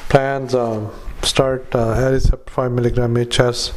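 A man dictating a patient note into a dictaphone, halting with many fillers and reading out punctuation and paragraph breaks. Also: medium pitch, little pitch movement, a little hiss or hum. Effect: dictaphone recording. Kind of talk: medical dictation into a recorder.

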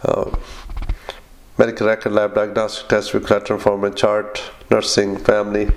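A man dictating clinical notes in halting, clipped phrases, speaking punctuation and formatting commands aloud as a clinician. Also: on the low side, completely flat delivery.

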